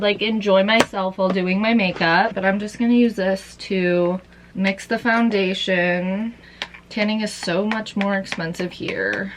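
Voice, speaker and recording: A woman's voice: medium pitch, fairly bright tone, a little hiss or hum, poor audio. A tired young woman chatting her way through a makeup routine after an all-nighter, rambling casually. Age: young adult. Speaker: vlogger. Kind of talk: casual makeup vlog chat.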